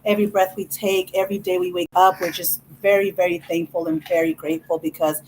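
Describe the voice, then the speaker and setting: A woman's voice: fairly low pitch, level tone, quick pace, darkish tone, slight background noise, rough recording. A woman vlogger chatting casually, rambling and effusive with many restarts. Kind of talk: casual chat.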